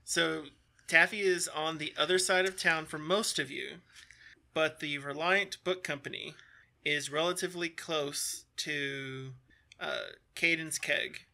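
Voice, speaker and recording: Man, game master, descriptive halting narration, bright tone. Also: a little high, steady tone, vocal fry. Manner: easygoing, descriptive, filler-heavy narration.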